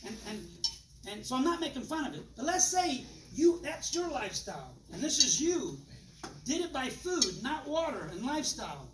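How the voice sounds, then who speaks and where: A man's voice: extremely high pitch, normal speed. Male presenter, folksy live-demo patter, acts out dialogues; distant, roomy, noisy capture. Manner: folksy, animated, acts out dialogues with changing voices. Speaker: presenter demonstrating water machines. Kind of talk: live sales demonstration to an audience. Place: room with a live audience. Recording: echoey room, distant mic, loud background noise.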